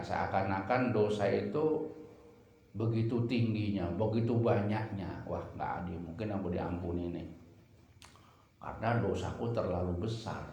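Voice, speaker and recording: A man preaches a sermon in a low, gravelly voice. He tells stories, moving between loud emphasis and quiet asides. His voice booms around a very echoey room. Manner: storytelling with dramatic swings in volume. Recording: heavy echo from a reverberant room.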